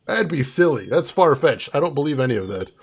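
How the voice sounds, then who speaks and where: A man giving casual live game commentary, chatting playfully to viewers with theatrical asides in a husky voice. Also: medium pitch, animated, a little fast. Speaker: game streamer, host.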